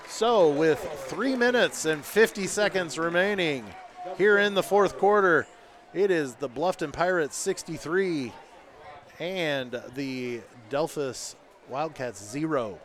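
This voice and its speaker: Man, football play-by-play announcer, slightly high voice, shouts on scoring plays, outdoor stadium broadcast. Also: slow, a faint crowd. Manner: rises to shouts on big plays, reads sponsor spots. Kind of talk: high school football radio commentary.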